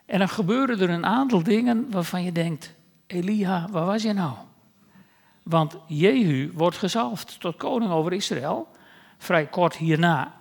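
A man's voice: high-pitched, measured pace, gravelly, long reverb tail. A male preacher giving a sermon in a conversational way, with wry asides.

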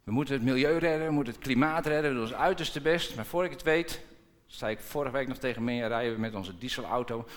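A man delivers a sermon with lively, dramatic pacing, slipping into different tones as he acts out quoted dialogue. His voice rings out with the long reverb of a large church hall. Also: medium pitch, fast, few pauses. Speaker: preacher.

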